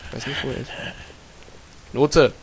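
A man giving gaming commentary, muttering to himself, swearing casually and yelling out repeated words when the action heats up. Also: medium pitch, measured pace, a little hiss or hum. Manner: excitable, yells and repeats words in a rush during fights. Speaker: let's player.

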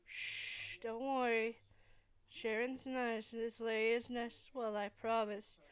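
A woman voicing a gentle adult woman doctor and hero who soothes a child, with soft, halting delivery in an amateur fan-fiction reading. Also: fairly high pitch, flat delivery, clear, resonant tone, close to an everyday voice. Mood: soothing.

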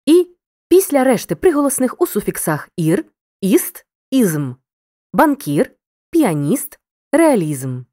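A woman reading a scripted lesson, addressing the listener directly and spelling out example words clearly. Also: fairly high pitch, sing-song, slow, dark tone, no echo, studio quality. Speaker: teacher.

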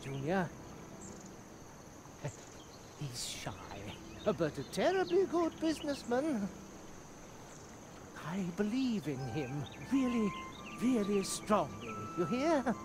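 A man's voice: high voice, huge pitch swings, takes it slowly, background noise, full character voice. An actor voicing a theatrical aging mouse merchant in a video game, a chatty doting father who hams up his stammering sales patter like a stage actor. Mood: proud, doting. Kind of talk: video game character acting. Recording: music behind the voice.

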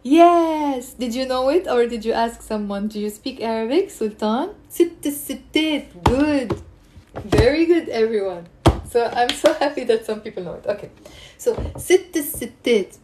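Lebanese accent woman teacher, kinda high voice, chatty live lesson, encouraging, repeats words clearly. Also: animated, normal speed, background noise. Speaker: Arabic teacher and live stream host. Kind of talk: informal live language lesson, explaining and questioning viewers. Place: small indoor room at home. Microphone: phone at arm's length.

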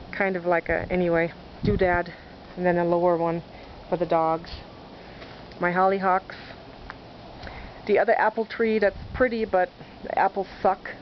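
Woman chatting thru a garden tour, casual and self-deprecating, dull lo-fi camcorder sound, outdoor noise in back. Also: medium pitch. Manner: chatty, self-deprecating, narrating as she walks. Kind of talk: casual walking video tour. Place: sunny backyard garden outdoors. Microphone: handheld camera mic.

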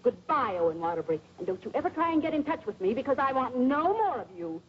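High-voiced defiant wife, 1940s film, dull sound. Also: female voice, big pitch swings, quick pace, a little hiss or hum. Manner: defiant, hurt. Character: spirited young woman novelist, wounded wife.

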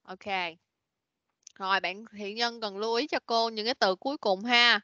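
A woman runs an online English class in a bright, clear voice, patiently prompting her pupils. The sound is dry and a little dull, like a call picked up by a computer mic. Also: a little high, steady tone, normal speed, no room sound. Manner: patient, prompting, mixes English words into explanations. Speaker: English teacher. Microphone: computer mic on a video call.

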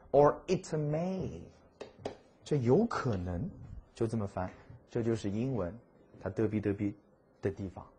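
A man teaching English vocabulary in a chatty exam-prep lecture, drawing English words out slowly. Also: medium pitch, slight background noise. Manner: lively, chatty, stretches English words slowly to model them.

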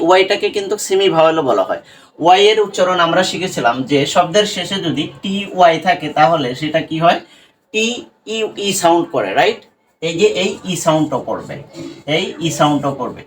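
A Bangladeshi man teaching English pronunciation, his voice sitting a little high for a man. He breaks words into letters and sounds, asking the class questions and then supplying the answers. The mic is set back from him, with a faint hiss in the background. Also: a bit bright, far from the mic, rough recording. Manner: patient, drills spellings letter by letter, asks and answers his own questions. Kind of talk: spoken lesson to students.

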